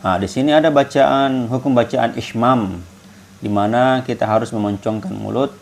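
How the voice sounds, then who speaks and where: A man explains Quran reading rules for a class assignment. He stops to chant the verses slowly and more loudly. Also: medium pitch, fairly even intonation, creaky, a little hiss or hum. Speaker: student reciting for an assignment. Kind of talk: Quran recitation lesson with explanations.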